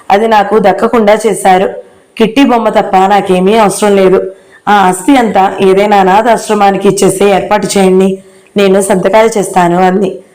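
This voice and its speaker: A woman narrating a novel in a calm, unhurried way, her tone soft and mellow. She raises her voice a little when the characters speak. Her pitch sits in the middle range. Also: rough recording. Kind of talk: reading a novel aloud.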